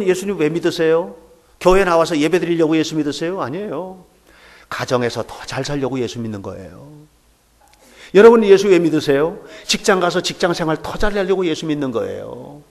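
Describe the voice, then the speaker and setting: A male pastor delivers a sermon, and his pitch rises and falls widely as he goes. He keeps putting rhetorical questions to the congregation and acts out the voices of the people in his stories. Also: gravelly. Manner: acts out quoted dialogue in anecdotes.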